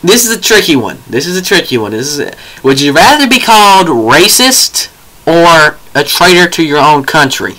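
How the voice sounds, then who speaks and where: A young man with a bright, ringing voice pitched a little high runs a loose, casual podcast chat. He teases and jokes rowdily, often dropping into mock quoted voices. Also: big pitch swings, moderate pace, rough recording. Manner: rowdy, joking, slips into mock voices and quotes. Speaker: podcast co-host asking would-you-rather questions.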